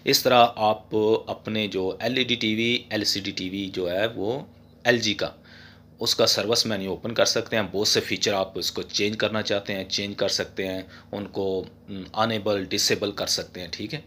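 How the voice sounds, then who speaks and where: A man's voice: lowish voice, steady tone, a little slow, sharp tone, slight background noise. A man hosting a casual how-to tutorial for his TV repair channel, chatty and often ending lines with "okay". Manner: voice-over with no face on screen.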